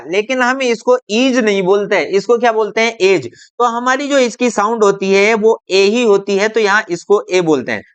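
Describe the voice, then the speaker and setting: A teacher explaining a lesson in a patient, repetitive way. The teacher poses questions to the viewer, answers them, and draws out example words slowly. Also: mid-range voice, fairly bright tone, clean tone. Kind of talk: classroom-style explainer video.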